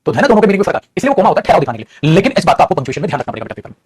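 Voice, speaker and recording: A man's voice: on the high side, sing-song, very fast, husky. A man with an Indian accent teaching an English grammar lesson in Hindi, repeating each point and calling his students "beta".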